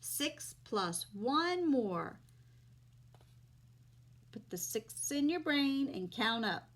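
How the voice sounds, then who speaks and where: Female children's teacher in kids' show host mode. Unhurried delivery, mid-range voice, simple step-by-step phrasing. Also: medium pitch, fairly bright tone. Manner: simple, step-by-step explaining with questions to young listeners.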